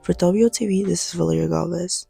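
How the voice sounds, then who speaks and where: Quick gravelly young woman reporter. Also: lowish voice, fairly even intonation, mellow, faint music behind. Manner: brisk, scripted delivery. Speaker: student reporter. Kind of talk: read news report.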